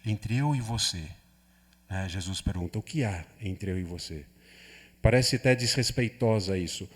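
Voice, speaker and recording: A priest gives a conversational teaching talk, often checking in with the group. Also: male voice, on the low side. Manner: conversational, often asks listeners "né?". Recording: long hall reverb.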